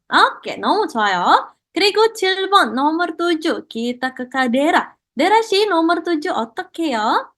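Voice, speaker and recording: A woman's voice: on the high side, a bit bright. A woman teaching Korean in an online class, encouraging students and mixing Korean praise into her explanations.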